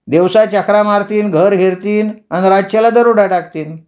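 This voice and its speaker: A man's voice: high voice, steady tone, moderate pace, darkish tone, pitched above the performer's own voice, close to an everyday voice. A man voicing a gossiping village carpenter who agrees eagerly, in a dull lo-fi recording.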